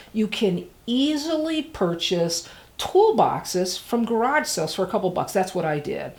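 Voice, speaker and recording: A woman hosting a DIY tips vlog, talking casually and directly to the viewer with emphatic, instructional delivery. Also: mid-range voice. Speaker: host of a DIY tool tips show.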